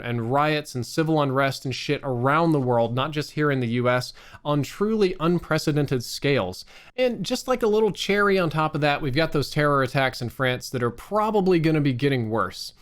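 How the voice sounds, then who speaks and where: A man's voice: mid-range voice, normal speed, few pauses, clean tone. Exasperated, swearing American man ranting. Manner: profane, exasperated. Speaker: online streamer. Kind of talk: candid rant to viewers.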